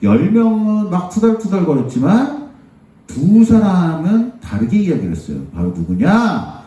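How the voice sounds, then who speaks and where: A man preaching to a Sunday school, telling a Bible story in an animated way and acting out the people's voices. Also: high voice, unhurried. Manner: animated, acts out the crowd's voices. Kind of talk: children's sermon storytelling. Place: church. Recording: echoey church hall, voice from far off.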